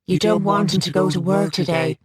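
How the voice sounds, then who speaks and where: A woman voicing a hulking, fierce female beast that growls out slow, halting words. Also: medium pitch, fairly even intonation, husky, no echo, clean studio sound, natural voice. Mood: growling.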